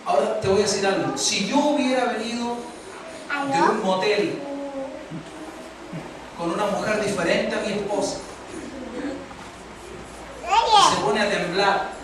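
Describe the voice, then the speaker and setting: A middle-aged male pastor with a Chilean accent preaches with animated rhetorical questions. His voice is caught from far off in a very echoey church hall, with clear background noise. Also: sits high, measured pace, long pauses. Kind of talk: sermon.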